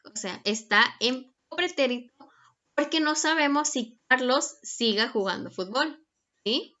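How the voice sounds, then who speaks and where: A woman's voice: high voice, animated, a little slow, sharp tone. A young woman teaching a grammar lesson, patient and checking in often with her students. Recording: dull lo-fi recording.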